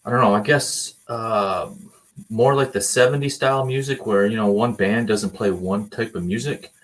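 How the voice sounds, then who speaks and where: Laid-back low-voiced Canadian rocker. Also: male voice, steady tone, moderate pace. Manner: laid-back, easygoing, many "uh" fillers. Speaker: band member guest. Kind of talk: casual interview chat.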